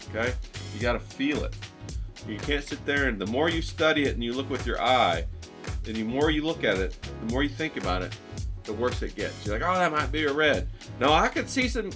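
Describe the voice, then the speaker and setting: A man teaching a watercolor painting tutorial in an upbeat, coaxing way, checking in with his viewers. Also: medium pitch.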